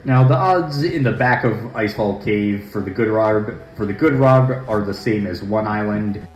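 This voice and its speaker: A man's voice: fairly low pitch, moderate pace, faint music behind. A man giving casual, joking gameplay commentary as a let's play host, recorded in a large, echoey room at home. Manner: joking, chatty asides.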